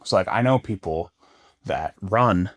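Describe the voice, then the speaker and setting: A man's voice: low-pitched, unhurried, fairly bright tone, dry recording, studio quality. A man co-hosting a health podcast, talking bluntly and emphatically in casual slang. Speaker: podcast co-host.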